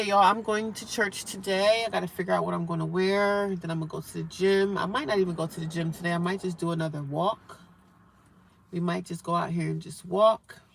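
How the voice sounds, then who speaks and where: A woman's voice: fairly low pitch, gravelly. A woman chatting casually with viewers on a live stream from a parked car, repeating herself and reading comments aloud. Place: parked car beside a highway. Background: faint traffic noise.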